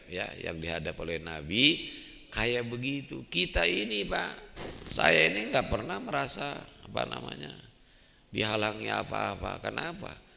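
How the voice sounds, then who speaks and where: An older man preaching a storytelling sermon in a mosque, talking lively and turning to his listeners with "Pak". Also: lowish voice, creaky. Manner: lively, addresses the men as "Pak". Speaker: Islamic preacher. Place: mosque hall. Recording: long echo of a mosque hall.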